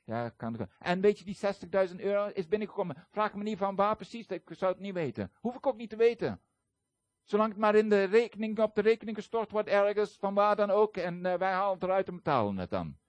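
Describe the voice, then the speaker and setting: A man with a high, bright-sitting voice preaches in a lively, chatty way, stumbling over fillers now and then. He slips into the voices of the people he quotes as he tells his stories. The sound is dry and close, with no room around it. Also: fairly quick, dry recording. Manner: animated storytelling, acts out quoted voices; conversational, frequent hesitations. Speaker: guest preacher. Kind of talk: sermon.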